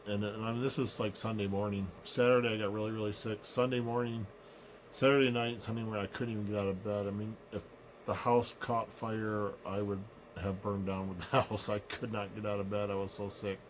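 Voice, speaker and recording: Low, unhurried man with sore throat. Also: little pitch movement, a little hiss or hum, rough recording. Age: middle-aged. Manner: low, unhurried, subdued delivery. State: sick with a sore throat, recovering from voice loss. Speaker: vlogger. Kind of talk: casual personal rant to camera. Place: small living room indoors.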